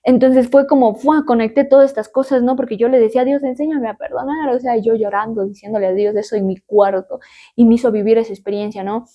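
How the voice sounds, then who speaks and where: High-pitched woman retelling vividly. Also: little pitch movement, fast, warm tone. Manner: emphatic, repetitive, acts out sounds and cries. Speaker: podcast host. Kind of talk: personal storytelling to a friend.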